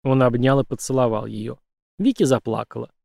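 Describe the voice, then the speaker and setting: A man narrating an audiobook in a steady, even reading voice. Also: medium pitch, a little fast, vocal fry, no room sound, studio quality. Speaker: audiobook reader. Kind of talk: scripted narration.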